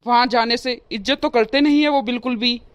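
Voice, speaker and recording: A woman voicing a teasing, short-tempered grown brother in a cartoon, in a fairly high voice. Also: moderate pace, highs cut off, lightly acted. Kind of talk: cartoon voice acting.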